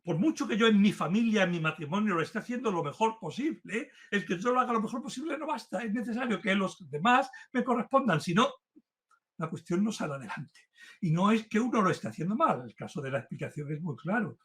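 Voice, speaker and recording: A man gives a university-style philosophy lecture to a remote, virtual audience, earnest and insistent. His voice is a little high for a man, animated and a little fast, and he stresses key words, building intensity as he warms up toward each point.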